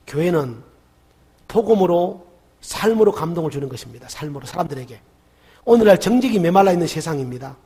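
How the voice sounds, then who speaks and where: A middle-aged man with a Gyeongsang accent, preaching a Sunday sermon in church and telling a story with lively questions to the congregation. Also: high-pitched, husky. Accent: Gyeongsang dialect. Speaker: pastor. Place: church sanctuary.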